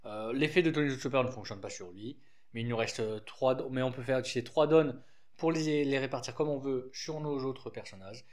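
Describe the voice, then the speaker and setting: A man with a slight lisp talks through a trading card deck at an average pitch. His delivery is loose and conversational, full of fillers and self-corrections as he explains. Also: normal speed. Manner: rambling, frequent restarts and fillers, informal. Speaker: card game deck presenter.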